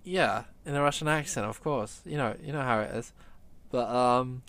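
A man co-hosting a casual film chat, opinionated and animated, stumbling over his words. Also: mid-range voice, normal speed. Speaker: film podcast co-host.

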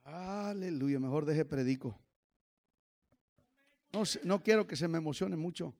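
A male pastor preaching a sermon, moving from loud sung praise to quiet storytelling and joking asides to the congregation. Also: a little slow, vocal fry. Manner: swings from shouted sung praise to low storytelling. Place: church.

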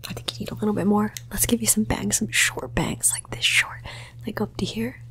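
A woman whispering an ASMR roleplay in a soft, teasing and playfully bossy way. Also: medium pitch, fairly even intonation, a little fast. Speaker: ASMR creator.

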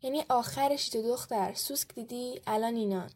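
Storybook voice of a taunting girl on a balcony, as a woman reader puts her on, a little high. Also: darkish tone, lightly acted. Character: cheeky girl on a balcony, mocking.

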